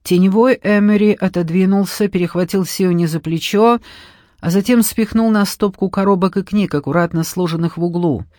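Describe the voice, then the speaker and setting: A narrator reads a novel aloud in an even, measured voice of middle pitch. The recording is close and dry, with no room sound. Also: dry recording. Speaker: audiobook narrator. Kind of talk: scripted narration.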